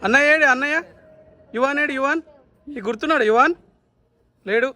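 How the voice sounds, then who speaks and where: A young man with a very high, sharp voice talks fast as he vlogs on a handheld camera at a busy family function. Chatty and teasing, he jokes with friends and family and greets everyone in passing while a crowd chatters behind him.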